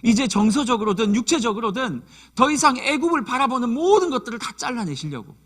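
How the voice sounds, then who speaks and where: A man's voice: very high voice, very animated, brisk, a bit bright. A man in his thirties preaching a sermon as a youth pastor, telling the story vividly and acting out the quotes.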